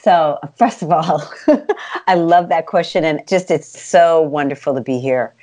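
A woman, a guest coach, answering interview questions in measured, affirming declarations. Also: low-pitched, a little mellow.

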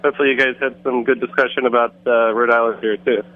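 A male caller comes through a phone speaker on a muffled, narrow line. He talks in a relaxed, chatty way, dotted with fillers, from a noisy bar. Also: medium pitch, fast talker. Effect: phone call played over a speaker. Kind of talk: casual chat.

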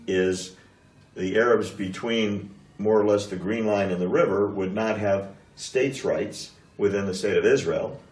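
Low-voiced male interviewer, echoey room. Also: a little mellow. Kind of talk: political interview, probing questions. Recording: echoey room, distant mic.

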